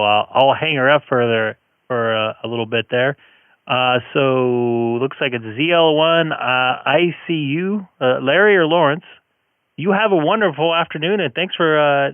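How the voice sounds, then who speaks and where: A man's voice: fairly high pitch, normal speed, no echo. A man, a chatty ham radio operator rambling with fillers over a narrow AM-style radio link. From United States. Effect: heard over a narrow AM-style radio link. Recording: tinny lo-fi radio audio.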